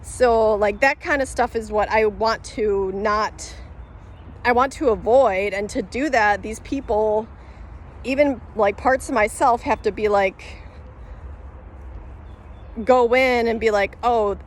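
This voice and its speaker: Speaking slowly and pausing often, this woman's voice sits a little high. She's a vlogger rambling through a story on camera, correcting herself, filling gaps with ums and laughing throughout.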